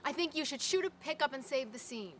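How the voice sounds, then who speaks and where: An actress playing a practical, level-headed film crew member who talks calmly and persuasively. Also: female voice, sits high, fast talker, slight background noise.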